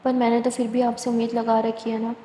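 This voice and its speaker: A woman voicing a caring, reserved young woman lawyer in a spoken love story, in a soft, plain storytelling manner. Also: fairly high pitch, completely flat delivery, natural voice. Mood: earnest. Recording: echoey room, long reverb, faint hiss.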